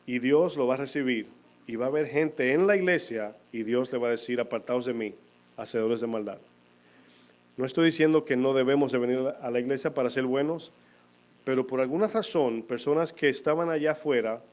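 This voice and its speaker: A man preaching a sermon to his congregation, asking them questions and answering them himself, slowing down to stress key words. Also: mid-range voice. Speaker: pastor. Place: church.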